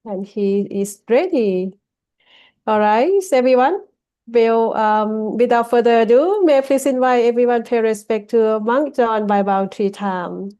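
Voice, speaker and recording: A woman opens an online meditation program as its moderator, welcoming people formally and politely. She speaks slowly, in a smooth, mellow voice. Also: a little high. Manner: polite, ceremonial.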